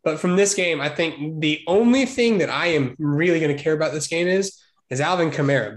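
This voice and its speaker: Fairly high male co-host in a roomy echo. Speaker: podcast co-host. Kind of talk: casual podcast chat.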